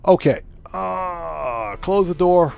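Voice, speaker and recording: A high-sitting, gravelly male voice with a darkish tone speaks slowly yet with lively intonation. The speaker is a live streamer running his channel, casually commenting on a game as he plays, thinking aloud and reading the chat and on-screen text out loud.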